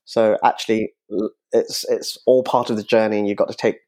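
A man talking casually as a podcast guest, chatty and quick to laugh. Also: on the low side, flat delivery, a little mellow. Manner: chatty, laughs easily, jokes about his sultry podcast voice. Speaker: podcast guest, magazine co-founder. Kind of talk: casual interview talk.

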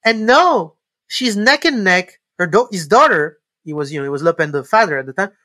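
A man, a guest giving casual analysis and often pausing on fillers and restarting his sentences. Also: high voice, expressive, sharp tone, no room sound. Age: 30s. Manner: hesitant, many fillers and restarts. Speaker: guest commentator.

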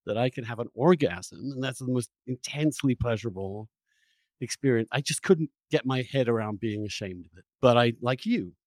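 This interviewer, a man in the same thoughtful long-form talk, keeps pressing his points earnestly and emphatically while often stopping short and repeating himself. The tone is darkish, the pitch mid-range, and no room sound comes through.

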